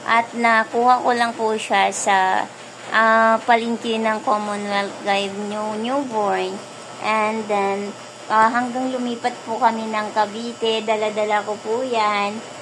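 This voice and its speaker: A woman with a Filipino accent chatting casually to viewers in a homemade vlog. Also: medium pitch. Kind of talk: casual vlog chat about her pets. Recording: noisy room with mains hum.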